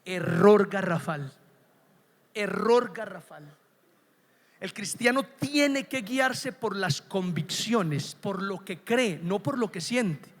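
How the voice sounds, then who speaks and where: A man preaching a sermon as pastor, emphatic, dropping soft and then rising to shouts. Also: sits high, expressive, takes it slowly, hardly any pauses. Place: church. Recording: long church reverb.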